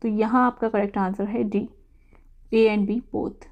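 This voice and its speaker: Mellow-voiced woman teaching a quiz. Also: medium pitch, little pitch movement. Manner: reads each English question slowly, then explains it in Hindi. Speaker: English teacher for exam prep. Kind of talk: walking through quiz answers.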